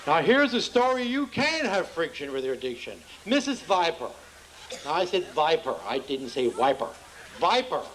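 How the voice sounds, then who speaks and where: High-voiced Pennsylvania Dutch joke teller. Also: male voice, big pitch swings, normal speed, a bit bright, slight background noise, rough recording. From Pennsylvania, USA. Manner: folksy, playful, addresses the crowd. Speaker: emcee telling jokes. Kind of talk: folksy stand-up joke telling. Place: outdoor town festival.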